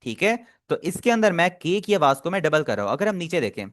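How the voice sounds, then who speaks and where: A man with a fairly high voice teaches an online class over a video call. He explains patiently and step by step, often stopping to check that his students are keeping up. The sound is dry and close. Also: sing-song, a little fast, a bit bright, dry recording.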